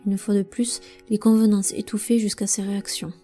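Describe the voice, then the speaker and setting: A woman narrating a novel as an audiobook in an expressive, measured way. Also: mid-range voice, soft background music. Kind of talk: scripted narration.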